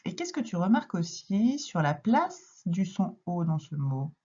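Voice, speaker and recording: A woman gives a reading lesson to young children, taking her time and sounding out each letter and syllable. Her voice is low and warm, a little husky, and moves up and down a lot as she talks. The recording sounds dull and lo-fi. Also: sing-song, measured pace. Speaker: primary school teacher.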